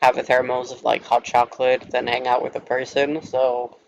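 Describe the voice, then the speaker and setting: A man's voice: medium pitch, monotone, normal speed, vocal fry, dry recording, highs cut off. A young man from Norway, a native Norwegian speaker, telling a story to camera in a casual, rambling vlog style, giggling often and filling his speech with filler words. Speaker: vlogger.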